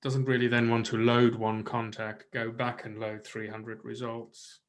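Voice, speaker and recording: Man casually explaining a software update. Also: mid-range voice, level tone, unhurried. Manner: rambling, restarts while explaining features. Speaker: product update presenter. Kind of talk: casual product update chat.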